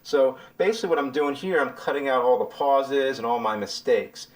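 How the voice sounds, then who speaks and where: A man's voice: medium pitch, moderate pace. A man casually walking through how he edits his videos. He talks in a loose, rambling way with plenty of fillers. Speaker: video creator explaining his editing. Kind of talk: casual behind-the-scenes explanation.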